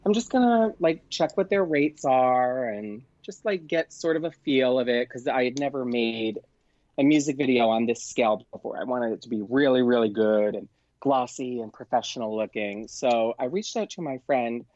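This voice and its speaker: A performer and producer appears as a podcast guest, telling stories in a casual, chatty way and animatedly acting out quoted exchanges. His voice sits at medium pitch, and the recording is dry and slightly muffled, with no echo.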